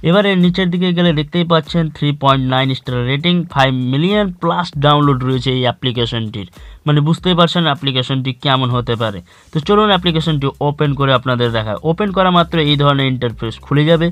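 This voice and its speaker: A man with a fairly high, slightly bright voice narrates a tutorial for his tech channel's online video, with background music as a bed under his voice. He talks to viewers directly like friends, in an instructional way.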